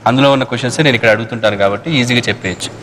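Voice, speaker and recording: A man's voice: medium pitch, very fast, a bit bright. A man hosting a TV quiz show, teasing a young contestant playfully and reading out contest instructions announcer-style. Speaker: game show host.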